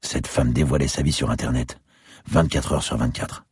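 Man reading crude police lieutenant, swearing, squeamish, very deep voice, husky. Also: fairly even intonation, moderate pace, a little mellow, dry recording, studio quality, full character voice. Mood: matter-of-fact. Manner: blunt, swears, uneasy.

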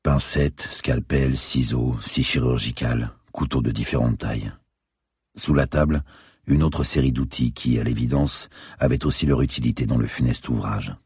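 A man narrating a dark crime thriller in the first person, with a measured, descriptive reading. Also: rumbling low, steady tone, breathy edge, no room sound, studio quality. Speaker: audiobook narrator.

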